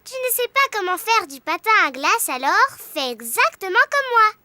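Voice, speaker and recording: A woman voicing a bossy, cheerful little girl piglet in a cartoon, high and childlike, often giggling. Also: sing-song, moderate pace, no room sound, exaggerated voice. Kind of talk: cartoon dubbing. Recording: loud music behind.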